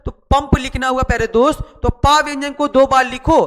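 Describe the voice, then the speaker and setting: In a big-sounding room, a man with a very high, slightly bright voice talks at normal speed with fairly even intonation. He's teaching shorthand online in a chatty way, writing as he explains, repeating words, and asking and answering his students' questions himself.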